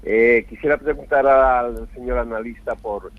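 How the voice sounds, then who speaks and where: A man's voice: medium pitch, steady tone, unhurried, no echo. A man calling a radio show, politely and formally asking the analyst about buying shares, over a muffled phone line. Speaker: caller.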